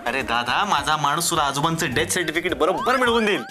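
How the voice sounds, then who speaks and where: A man's voice: a little high, animated, fast, over music. A man playing a carefree, reassuring character in a comic sketch, often laughing.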